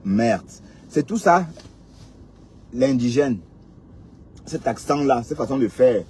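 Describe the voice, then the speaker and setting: This Cameroonian commentator, on the road in a vehicle, delivers a sarcastic, casual rant full of rhetorical questions aimed at his viewers. He speaks slowly and animatedly in a medium-pitched, darkish voice, with a little hiss or hum on the recording.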